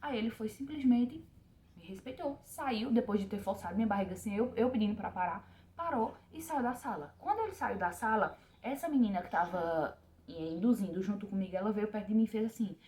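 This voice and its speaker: Fast-talking young woman. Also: medium pitch, animated, dark tone. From Pernambuco, Brazil. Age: young adult. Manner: emotional, addresses viewers directly, repeats words for emphasis. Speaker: vlogger. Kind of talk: personal storytelling to viewers.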